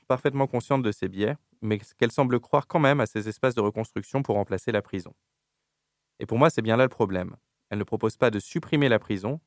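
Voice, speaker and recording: A man reading a critical, argumentative column on a radio show in a measured way. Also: on the low side, no echo, studio quality. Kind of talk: read political radio commentary.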